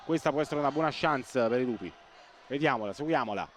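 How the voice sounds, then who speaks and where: A man giving live play-by-play sports commentary, excitable and breathless, repeating names and words for emphasis. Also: mid-range voice, quick pace. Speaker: live futsal match commentator. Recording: noisy sports hall ambience.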